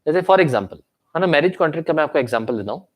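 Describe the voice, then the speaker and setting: A young man with an Indian accent teaches a law lesson online, and his throat is sore, so a cough breaks in now and then. His voice sits a little on the high side. He mixes Hindi and English and keeps checking in with his students through tag questions. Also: lively intonation, fast talker. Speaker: commerce law lecturer. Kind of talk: online lecture reading chat questions.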